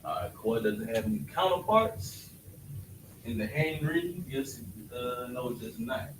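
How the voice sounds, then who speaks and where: Medium in pitch, sing-song, and measured in pace, a man runs a casual class on the alphabet, often confirming his students are with him. The sound is echoey, distant-miked, and faintly noisy.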